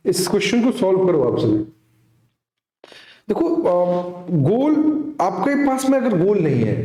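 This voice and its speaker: In a very echoey room, a man with an Indian accent teaches an exam-prep math lesson, working through problems. He often asks short questions to check that students are following. His voice is high-pitched yet dark in tone.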